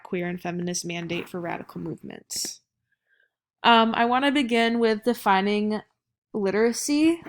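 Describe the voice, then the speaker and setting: A young adult American woman giving an informal academic presentation as a student, somewhat hesitant and partly reading aloud. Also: mid-range voice.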